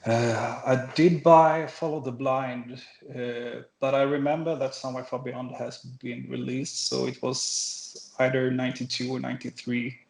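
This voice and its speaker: Gravelly man in an echoey room. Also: mid-range voice, flat delivery, a little slow, few pauses. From Sweden. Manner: unsure, searching his memory aloud. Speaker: guest.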